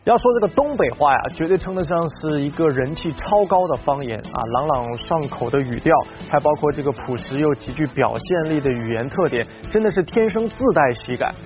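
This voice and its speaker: A man's voice: fairly high pitch, lively intonation, a little fast, hardly any pauses, soft background music. A man presenting entertainment news in a chatty way, introducing reports. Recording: slightly dull broadcast sound.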